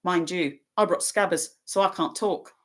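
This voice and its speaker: A woman's voice: on the low side, moderate pace, natural voice. A woman voicing a blunt, cheeky young schoolboy who talks offhandedly. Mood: offhand.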